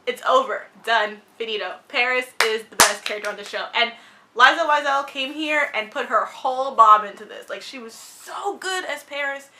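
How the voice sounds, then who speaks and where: Young woman ranting about a tv show, kinda high bright voice, blunt and sweary, says like constantly. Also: normal speed, slight background noise. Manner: blunt, sarcastic, swears freely, lots of "like". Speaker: TV show reviewer. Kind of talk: casual opinionated review chat.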